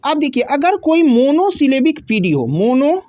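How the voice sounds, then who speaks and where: A woman with a high voice teaches a grammar lesson. She explains patiently step by step, posing questions and answering them herself. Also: animated, normal speed, dry recording, lo-fi sound.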